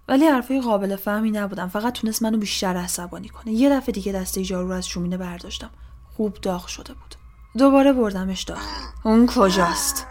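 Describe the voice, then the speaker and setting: A woman reading a first-person horror story aloud, often sinking into a whisper. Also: mid-range voice. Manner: hushed, often dropping to a whisper. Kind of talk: scripted horror narration.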